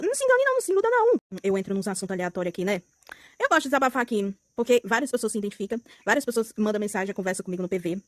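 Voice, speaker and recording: Fast-talking young Brazilian woman venting. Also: on the high side, no room sound, clean studio sound. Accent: Brazilian Portuguese. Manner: outspoken and emphatic, swinging between soft and loud. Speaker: vlogger. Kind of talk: casual venting monologue.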